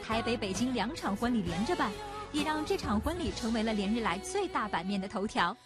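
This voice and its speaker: A woman reporter reads scripted entertainment news narration in a slightly high, lively voice at a brisk pace, with loud music playing beneath her.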